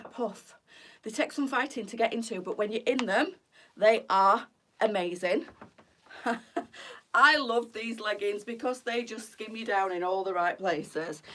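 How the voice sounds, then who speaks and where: A woman hosting a boutique live stream, chatting casually to viewers and at times out of breath while changing clothes. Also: on the high side. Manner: chatty, warm sales patter addressing viewers as girls. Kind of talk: casual live-selling chat.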